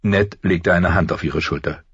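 A man's voice: sits low, moderate pace, slightly rough, dry recording. A man reading a fantasy audiobook expressively, voicing each character himself. The recording sounds slightly dull. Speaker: audiobook narrator. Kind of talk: scripted fantasy narration.

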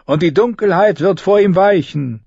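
A man's voice: high voice, gravelly, darkish tone, breathy edge, no room sound, lo-fi sound, pitched above the performer's own voice, heavily acted. A man voicing a fervent, exalted priestess. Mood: exalted prophecy. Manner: exalted, slow, declaiming. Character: fervent red priestess, woman, commanding prophet.

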